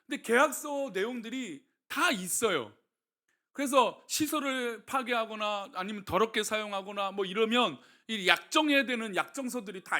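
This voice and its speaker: A man's voice: extremely high pitch, pushed and bright. A middle-aged male pastor giving a conversational sermon, often putting questions to the congregation.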